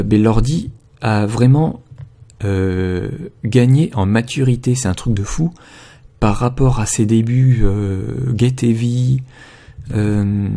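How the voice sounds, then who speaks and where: A man with a fairly low, dark voice and a gravelly fry, chatting through an album review for his channel. He talks hesitantly, stopping often on filler sounds as he gathers his thoughts. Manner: hesitant, with frequent filler pauses. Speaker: video blogger reviewing albums. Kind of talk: casual spoken review.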